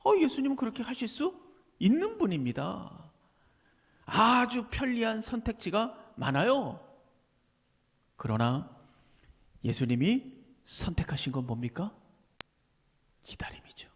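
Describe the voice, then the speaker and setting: Pastor with a high voice, preaching in a reverberant hall. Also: male voice, sing-song, unhurried, long pauses, slightly rough. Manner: conversational preaching, asks the congregation questions, acts out voices. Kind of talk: Sunday sermon. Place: church sanctuary. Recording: church livestream with long hall reverb.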